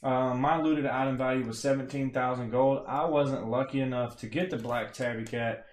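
A man's voice: medium pitch, normal speed. A young man streaming from a home room, casually explaining a game farm with lots of fillers. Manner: relaxed, rambling, many fillers. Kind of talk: casual game guide commentary. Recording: echoey room.

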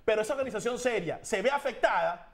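Blunt, rapid-fire male debater. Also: high voice, expressive. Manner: blunt, insistent, argumentative. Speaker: panel guest, former military officer. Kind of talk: heated panel debate. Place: TV studio.

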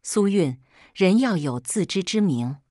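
A woman's voice: fairly low pitch, animated, a little slow, warm tone, dry recording, clean studio sound. A woman reading the lines of a cold, scornful young man who is a powerful tycoon, in an icy, contemptuous manner.

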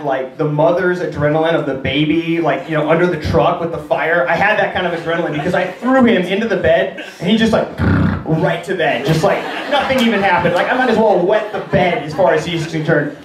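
A young man doing excitable, crude stand-up storytelling on a comedy club stage. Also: high voice. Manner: excitable, crude, laughing through the telling. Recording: roomy club sound from a distance.

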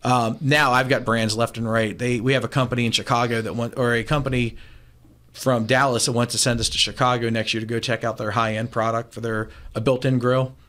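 A man in his forties, an appliance store owner, talking briskly and confidently as a guest on a radio show over a video call. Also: medium pitch, little pitch movement, a bit bright. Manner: brisk, confident business talk. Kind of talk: casual radio talk interview. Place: small room, indoors, remote video call. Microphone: studio mic with headphones.

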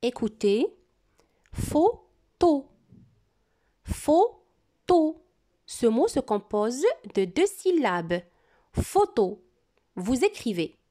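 A woman teacher giving a French dictation to young pupils, repeating each word and syllable slowly and giving calm step-by-step instructions. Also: fairly high pitch. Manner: slow, deliberate dictation with words repeated clearly. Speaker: primary school teacher. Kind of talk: classroom dictation lesson.

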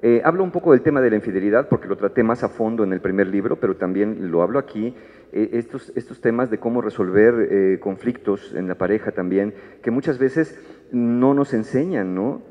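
A man's voice: lowish voice, fairly quick, dark tone. A man with a Mexican accent giving a humorous talk about his book to a live audience at a book fair, acting out little dialogues in changing voices. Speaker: author presenting his book. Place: large hall at a book fair. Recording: dull echoey hall recording.

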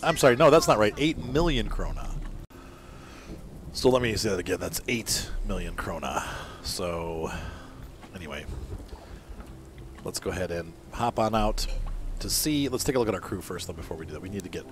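A man with a low voice and lively intonation reviews a fishing game while playing it, speaking at a normal speed over slight background noise. His commentary is casual, and he often corrects himself mid-sentence and apologizes.

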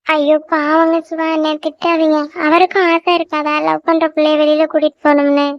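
A woman voicing a young cartoon wife who pleads and gets upset easily, with a whiny, squeaky voice. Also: little pitch movement, a little fast, no room sound, lo-fi sound, close to an everyday voice. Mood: worried.

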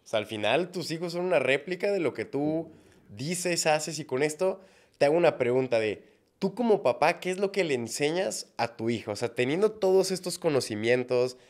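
Lively Mexican podcast host. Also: male voice, fairly high pitch, normal speed. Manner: interjects with short agreements and questions. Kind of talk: casual podcast conversation.

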